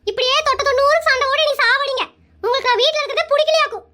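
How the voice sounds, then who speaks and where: A performer voicing a bold, sharp-tongued village wife in an animated comedy cartoon, answering back with quick defiant comebacks. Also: very high-pitched.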